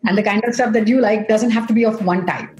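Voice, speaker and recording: A woman's voice: on the high side, quick pace, a little mellow. A middle-aged woman with an Indian accent speaking conversationally on a panel, explaining at length and checking in with short tag questions. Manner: rambling, explanatory, checks in with "right?" and "you know". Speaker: streaming executive on a panel.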